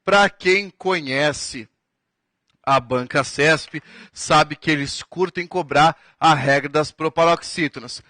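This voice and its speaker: A man's voice: fairly high pitch, pushed and bright, no room sound. A man with a Brazilian Portuguese accent giving a recorded grammar lesson for an exam, stretching out key words and checking in with "tá?". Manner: drawn-out emphatic words, frequent "tá?" check-ins, writing on a board. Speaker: exam prep teacher.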